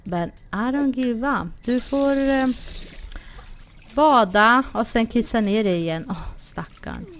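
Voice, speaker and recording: A woman's voice: fairly high pitch, slight background noise. A woman hosting a gaming channel, chatting casually through a life-sim game, often exclaiming and talking to her characters. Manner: chatty, exclaims and laughs, talks to her sims. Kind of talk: casual Let's Play commentary.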